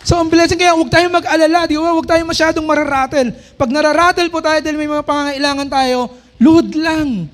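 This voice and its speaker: A middle-aged male pastor preaching a sermon, often calling out to the congregation and reading scripture slowly and loudly. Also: very high-pitched, steady tone. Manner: preaching with frequent call-and-response to the congregation.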